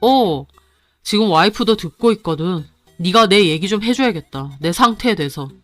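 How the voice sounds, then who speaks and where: A woman voicing an angry, suspicious young husband in a radio story, speaking in a lowered, cold, accusing tone. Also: animated, moderate pace, no room sound, soft background music, natural voice. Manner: cold, accusing, low-voiced.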